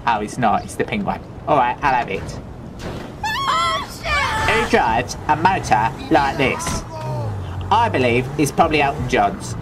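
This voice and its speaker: A cheeky London man, Cockney accent and all, plays a daft, loveable thieving Cockney in comedic gameplay commentary, wandering off into chatty, absurd deadpan asides. He talks a little slowly in a mid-range voice, with long pauses, and the recording is very noisy.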